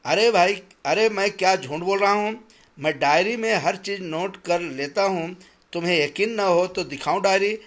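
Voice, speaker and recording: A man's voice: high-pitched, normal speed. A man voicing a stern, calculating employer who counts out wages and lectures his governess in a clipped, pedantic way. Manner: pedantic, then shouting and stammering in anger.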